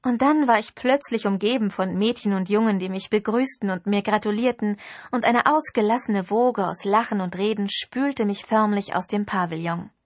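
A woman narrating a first-person novel in an expressive storytelling way. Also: mid-range voice, normal speed, dry recording. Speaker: audiobook narrator.

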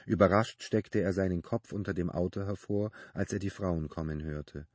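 A man reading a novel aloud in steady, measured scripted narration. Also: low-pitched, dry recording. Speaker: audiobook narrator.

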